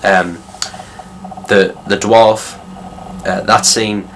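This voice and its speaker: A man's voice: lowish voice, fairly even intonation, very slow, fairly bright tone, a little hiss or hum. A young man giving a casual, rambling spoken movie review, full of fillers and restarts. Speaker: film reviewer.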